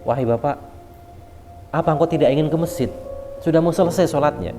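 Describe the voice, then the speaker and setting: A male preacher voicing a faithful, patient wife in a quiet, low voice during a sermon story. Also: a little fast, over music, close to an everyday voice. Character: faithful patient wife, young then old.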